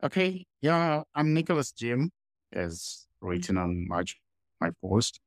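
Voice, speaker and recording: A young man from Zimbabwe, a guest artist in a casual video-call interview, talking in halting phrases and often repeating words while he searches for them. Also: mid-range voice, big pitch swings, no echo. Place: small room indoors. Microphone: headset on a video call.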